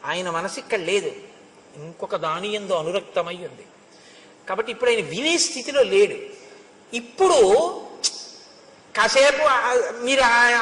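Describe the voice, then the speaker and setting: A man's voice: high voice, a bit bright, a little hiss or hum. A man giving a devotional storytelling discourse, retelling scenes expressively and chanting Sanskrit verses before explaining them. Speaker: religious discourse speaker. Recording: echoey hall with long reverb.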